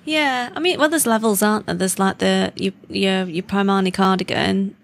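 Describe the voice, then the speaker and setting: A woman's voice: mid-range voice, normal speed, gravelly. A woman in casual podcast chat, rambling informally and correcting herself as she goes. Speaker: podcast participant.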